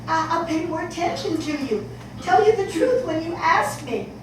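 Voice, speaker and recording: A woman's voice: extremely high pitch, animated, moderate pace. A woman acting the part of an aging mother in a stage play, pleading with her grown daughter through emotional outbursts. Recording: echoey hall from far off, background noise.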